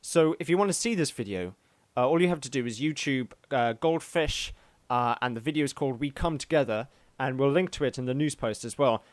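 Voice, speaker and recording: A man co-hosting a podcast in casual chat, delivering jokes deadpan. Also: mid-range voice, quick pace, hardly any pauses, dry recording. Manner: deadpan joking. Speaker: podcast co-host.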